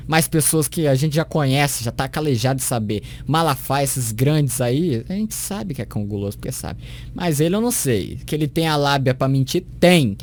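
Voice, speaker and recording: A man's voice: medium pitch, a little mellow. A man in a mid-range voice picks apart a sermon with scorn and sarcasm. There is a faint hiss behind him. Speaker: commentator reacting to a sermon. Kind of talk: critical reaction commentary.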